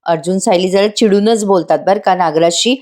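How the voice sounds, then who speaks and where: A woman's voice: medium pitch, a little fast, darkish tone. A woman narrating a chatty voice-over recap of a TV serial episode and talking directly to the viewers.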